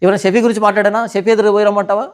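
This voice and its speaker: A man's voice: sits high, little pitch movement, racing, clean tone. A man, a pastor answering questions in a heated session, who argues hard and keeps firing rhetorical questions. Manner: argumentative, fires rhetorical questions.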